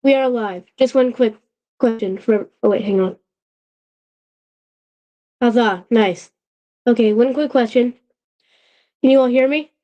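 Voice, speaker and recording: On a casual livestream, a woman host talks haltingly, often restarting and checking in with her chat. Her high-leaning, mellow voice sounds a little off from a sore throat that's still healing, and the audio is dull.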